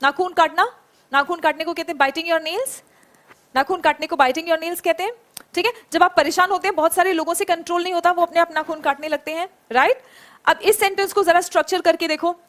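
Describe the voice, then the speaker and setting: Woman teacher, high voice, slow drilled example phrases, encouraging online class. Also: fairly bright tone. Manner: drills phrases slowly, praises students by name. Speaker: English teacher. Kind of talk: online spoken English class.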